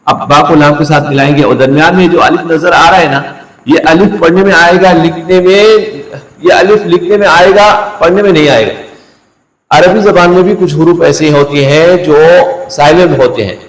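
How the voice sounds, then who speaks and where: A man teaching Quran reading rules at a board, explaining patiently step by step and slowly chanting each word. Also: a little high. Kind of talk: tajweed lesson at a board. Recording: echoey room, mic at a distance.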